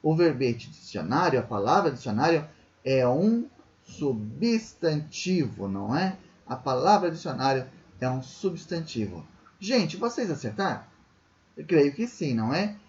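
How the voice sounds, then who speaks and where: A man's voice: fairly high pitch, big pitch swings, normal speed, highs cut off. A man teaching primary school children, patiently explaining a workbook exercise with a Brazilian Portuguese accent, often checking in with tag questions.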